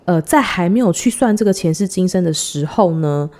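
A woman in her thirties, a podcast host, telling a personal story in a chatty, giggly way with drawn-out dramatic pauses. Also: on the low side, animated, warm tone.

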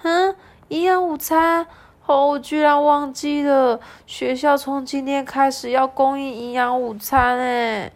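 A woman's voice: sits high, steady tone, measured pace, pitched above the performer's own voice. A woman doing a whiny little girl dinosaur. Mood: sulky. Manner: whiny, sulky.

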